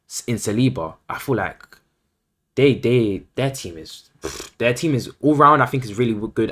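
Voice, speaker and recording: A man co-hosting a casual football podcast, hedging and repeating himself as he gives his views. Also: fairly low pitch. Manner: hedging, repeats himself, lots of "I think" and "I feel like". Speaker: podcast co-host.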